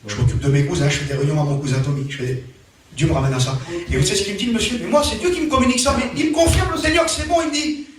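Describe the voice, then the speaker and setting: A man preaching a testimony sermon, telling a story with animated rises and falls in his voice. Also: high voice, rapid-fire, slight background noise. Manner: animated storytelling, voice rising and falling. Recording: very echoey room, from far off.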